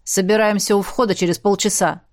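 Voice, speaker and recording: Woman doing a hoarse, grim young man. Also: mid-range voice, steady tone, a little fast, lightly acted. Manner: terse, grim. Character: gruff, sleepless young man.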